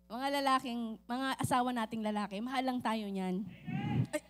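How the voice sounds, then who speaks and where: A woman pastor preaching a lively, joking sermon that mixes in English phrases and acts out the voices in her stories. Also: a little high, normal speed, soft background music.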